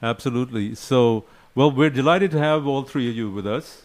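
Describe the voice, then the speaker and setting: Man, radio talk host, mid pitch, affable, affirming, laughs easily, casual chat. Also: moderate pace.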